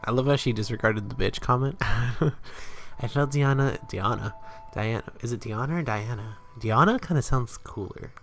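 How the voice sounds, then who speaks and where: A man's voice: mid-range voice, moderate pace, fairly bright tone, slight background noise. A man playing through a visual novel, reading the narration aloud and breaking off for joking asides. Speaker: let's player.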